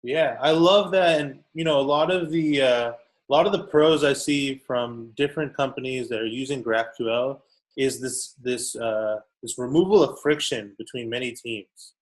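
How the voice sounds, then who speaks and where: Medium in pitch and unhurried, this tech podcast host brings on his guest and puts questions to him casually and cheerfully, his speech full of uhs and ums, in a podcast interview.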